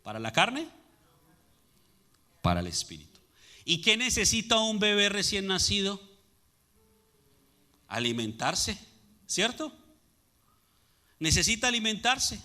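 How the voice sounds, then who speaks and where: A man's voice: sits high, huge pitch swings, slow, pauses often, pushed and bright. A man preaching a sermon as pastor, asking the congregation rhetorical questions and answering them. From Latin America.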